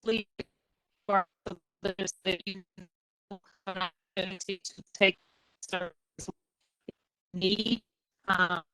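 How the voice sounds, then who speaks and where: A woman talks over a group voice chat, her computer mic giving a smooth, clear tone that keeps breaking up as the connection drops. The sound is dry and close, and she speaks in a plain, earnest way, urging people to join in. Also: medium pitch, steady tone, takes it slowly, long pauses, sharp tone, no room sound, poor audio. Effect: voice over an online group call, audio cutting out. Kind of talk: town hall announcements over a group call. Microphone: computer mic on a video call.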